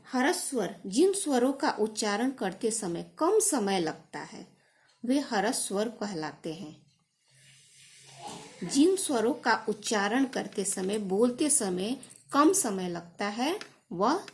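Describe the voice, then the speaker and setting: A woman teacher giving a grammar lesson, explaining slowly and repeating definitions, sometimes correcting herself. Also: on the high side, a little mellow. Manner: slow, deliberate explanation with repetition; corrects herself mid-sentence.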